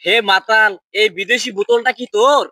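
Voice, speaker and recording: A man with a rural Bangladeshi accent playing a foolish, pompous water spirit in a village comedy skit, mock-solemn and quick to bicker. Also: sits high, fairly even intonation, sharp tone, no echo, studio quality. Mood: solemn, benevolent.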